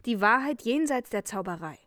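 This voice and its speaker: A woman's voice: a little high, lively intonation, moderate pace, a bit bright, dry recording. A woman voicing an earnest, indignant young prince in a read-aloud fairy tale, in her own voice. The room sounds dry.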